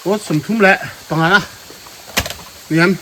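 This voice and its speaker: Man, slightly high voice, casual outdoor chatter, noisy recording with water behind. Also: steady tone, measured pace. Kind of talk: casual chat while out in the field.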